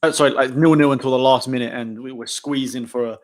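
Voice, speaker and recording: A young man from England hosting a live football watchalong, chatting casually and getting excited about the game. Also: mid-range voice, fast talker. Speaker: channel host.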